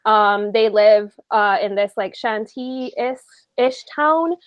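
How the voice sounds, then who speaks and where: A woman's voice: mid-range voice, takes it slowly, clear, resonant tone, no room sound. A woman, chatting and giggling on a book club video call. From Barbados. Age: 20s. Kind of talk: casual book club livestream chat.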